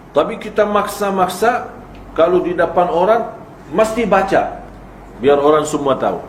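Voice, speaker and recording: Man preaching in an echoey hall. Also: sits high. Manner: lecturing with quoted example lines. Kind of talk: religious lecture. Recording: echoey hall with faint noise.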